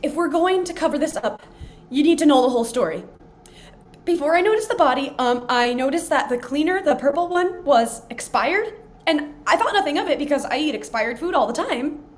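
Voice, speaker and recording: An actress playing an anxious young cleaner who rambles nervously in a stage play. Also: female voice, high voice, lively intonation, a little fast. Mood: rambling. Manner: rambling, nervous, self-conscious.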